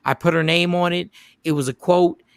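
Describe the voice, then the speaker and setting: A radio show host telling a story casually, with emphatic repeats and quoted voices. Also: male voice, sits high, steady tone, normal speed, smooth, no room sound, studio quality.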